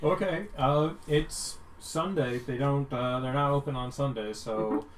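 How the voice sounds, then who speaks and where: A man's voice: mid-range voice, unhurried, roomy sound, far from the mic, rough recording. Male game master, conversational and informal, set back from the mic with faint noise behind. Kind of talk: casual narration of a tabletop game.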